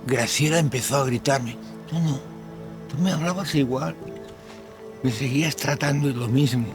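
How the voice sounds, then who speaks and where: An actor playing a blind older landowner who speaks gravely and paternally to his daughters. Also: mid-range voice, moderate pace, music in the background, natural voice. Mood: tender. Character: blind older landowner father, firm and tender. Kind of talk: telenovela-style film acting.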